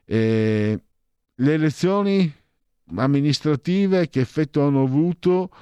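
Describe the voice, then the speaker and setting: A man casually reading out opinion poll figures in a brisk run, adding wry side remarks. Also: a little high, animated, dark tone, clear, resonant tone, no echo, lo-fi sound. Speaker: commentator reading out opinion polls.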